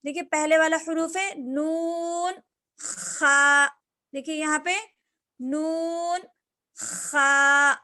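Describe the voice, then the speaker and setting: A woman's voice: extremely high pitch, steady tone. A woman teaching a reading lesson, patiently modeling and correcting each letter sound.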